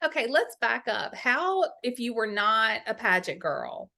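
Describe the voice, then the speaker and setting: A woman in her forties hosting a casual interview, bubbly and quick with questions and laughter. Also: on the high side, big pitch swings, creaky, pushed and bright. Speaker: podcast host.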